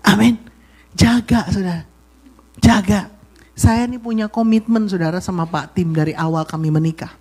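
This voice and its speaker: A woman pastor preaching a sermon in a lively way, acting out quoted voices and calling for amens. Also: mid-range voice, moderate pace, slightly rough.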